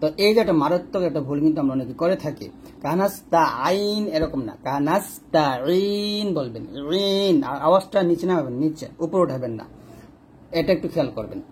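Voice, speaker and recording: A man teaching Quran recitation step by step, spelling out each letter and vowel, then reciting the words slowly and drawn-out. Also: a little high, animated, a little mellow, slight background noise. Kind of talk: slow step-by-step recitation lesson.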